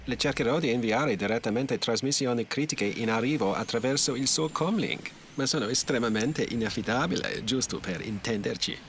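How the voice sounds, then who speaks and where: A man's voice: mid-range voice, normal speed, hardly any pauses, background noise, natural voice. A man playing a fussy, sarcastic technical officer in a video game, with a German accent and clipped dry delivery. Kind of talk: video game mission dubbing.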